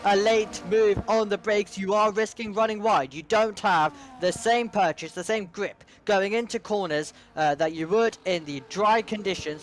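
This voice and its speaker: A man giving excited motorsport commentary on sim racing, moving dramatically between analysis and urgent play-by-play. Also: high-pitched, a little hiss or hum.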